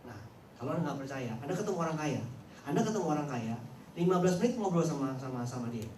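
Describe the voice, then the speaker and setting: A man's voice: on the high side, animated, fast talker, background noise. A man giving a motivational seminar talk, quizzing the audience and acting out quotes. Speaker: motivational speaker. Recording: roomy sound from far off, faint ambience.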